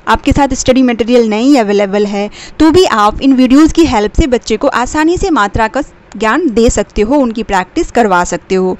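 A woman in her thirties teaching parents how to help young kids learn letter sounds, patiently spelling each sound out and slipping English phrases into her talk. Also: on the high side. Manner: mixes English phrases into Hindi. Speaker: teacher of a children's channel.

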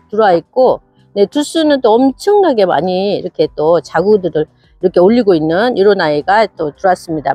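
Bubbly and full of exclamations, a South Korean woman presents her succulents for sale, letting out a gasp at every plant. Her mid-range voice is mellow and slightly rough, recorded dry, though the overall sound is dull and lo-fi with faint music.

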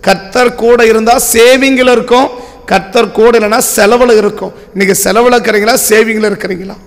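A man's voice: high voice, steady tone, fairly quick, big-room sound. A man preaching a sermon with a Tamil accent, asking the same questions again and again. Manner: repetitive rhetorical questioning. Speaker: pastor.

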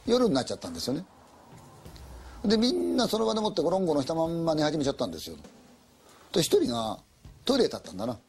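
Brief: quick, animated man spinning a spoken ghost story in a chatty, dramatic way. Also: fairly high pitch, slight background noise. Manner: colloquial, conversational, dramatic.

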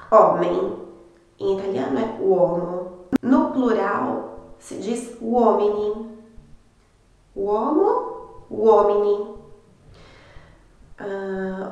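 Slow patient woman teaching, echoey room. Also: mid-range voice, gravelly, a little mellow. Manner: explains patiently, repeats each example twice. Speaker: Italian teacher. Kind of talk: slow, careful language lesson.

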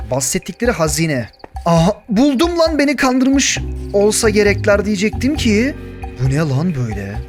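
High, lively young man gaming. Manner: jokey, panics and yells when chased. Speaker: gaming YouTuber. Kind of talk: Minecraft let's play with story narration.

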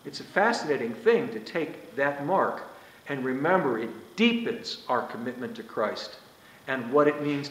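A man in his sixties, a priest, preaching a sermon with animated gestures and rising and falling emphasis. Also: medium pitch. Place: small church sanctuary, indoors. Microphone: far camera. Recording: echoey church room.

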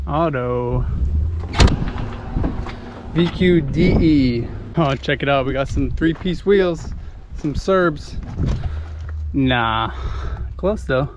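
Young Midwestern man, offhand running commentary, filmed on an action cam outdoors, clear background noise. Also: mid-range voice. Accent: American Midwest. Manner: offhand, muttering car names to himself. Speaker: car vlogger. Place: outdoor junkyard, later inside a car. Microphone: handheld action camera.

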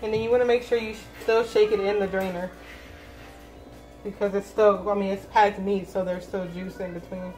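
A woman of middling pitch talks viewers through a recipe in a home kitchen. She keeps it chatty and casual. Faint music plays behind her. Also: steady tone, normal speed, a little mellow, low-quality recording. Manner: chatty, explaining, addresses viewers as you guys. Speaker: vlog host. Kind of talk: casual cooking demonstration.

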